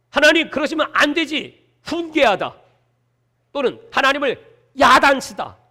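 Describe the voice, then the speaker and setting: A male pastor delivering a sermon with animated, dramatic storytelling. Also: extremely high pitch.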